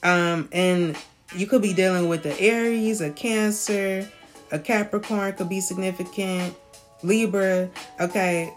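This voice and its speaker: A woman's voice: mid-range voice, fairly even intonation, a little slow, soft background music. A woman giving a casual spoken reading, chatty and loose, often checking in with "okay?" and laughing lightly. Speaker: tarot reader.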